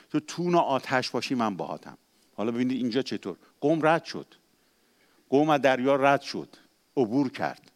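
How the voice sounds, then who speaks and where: A male pastor delivering a sermon in an ordinary mid-range voice. He preaches with passion, drops to near-hushed tones, then builds to loud, emphatic peaks. He acts out quoted speech with dramatic flair. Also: medium pitch.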